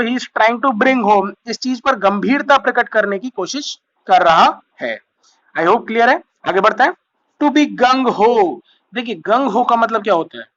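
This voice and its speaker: A young Indian man teaching English idioms in a casual online lesson, explaining in Hindi and reading English examples slowly. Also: high-pitched, fairly bright tone. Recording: dull lo-fi sound.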